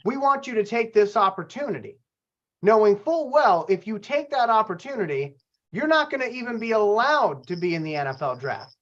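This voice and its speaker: A man's voice: high voice, lively intonation, moderate pace, fairly bright tone, dull audio. A man hosting a casual sports podcast over a video call, opinionated and swearing freely. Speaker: podcast host.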